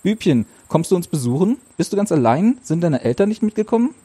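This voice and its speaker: A man's voice: sits high, very animated, brisk, warm tone, breathy edge, pitched above the performer's own voice, heavily acted. A man doing a curious teenage girl. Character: lively, quick-witted teenage girl.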